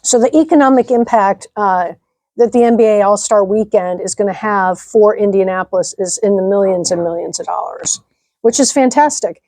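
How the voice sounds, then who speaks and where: A woman's voice: medium pitch, moderate pace, a little mellow, no room sound. A middle-aged woman from Nebraska, a nonprofit director, answering interview questions in an upbeat, articulate way. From Nebraska, United States. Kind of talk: interview conversation.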